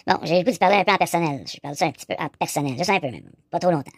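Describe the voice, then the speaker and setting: A man in his forties with a Québécois accent, chatting on a call in his everyday voice, rushed and full of filler tags. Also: on the high side, vocal fry, breathy edge, no echo, studio quality. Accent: Québécois French. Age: 40s. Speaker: YouTuber on a phone call. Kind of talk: casual phone chat.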